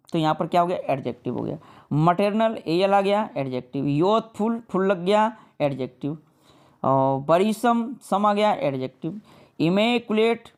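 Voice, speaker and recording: A woman teacher giving a grammar lesson. She drills lists of words, reads the rules out slowly word by word, and keeps checking with "clear?". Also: medium pitch, darkish tone. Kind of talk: grammar lesson, mixing Hindi and English.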